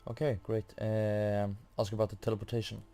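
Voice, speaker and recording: A man hesitantly thinks aloud while playing through a game quest, offering casual commentary. His voice is lowish and mellow, with little pitch movement and a normal speed, and faint music plays behind him.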